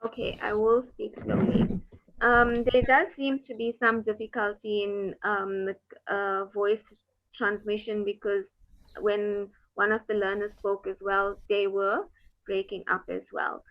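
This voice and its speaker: A woman's voice: medium pitch, level tone, measured pace. Patient woman teacher on an online class, her voice breaking up over a muffled call line. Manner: patient, step-by-step explaining with fillers.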